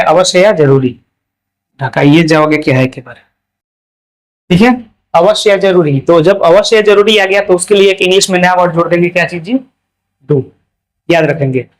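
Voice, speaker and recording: A man with a Hindi accent explains grammar in a casual classroom style. He asks questions and answers them himself, and says the English examples slowly and carefully. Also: high-pitched, poor audio.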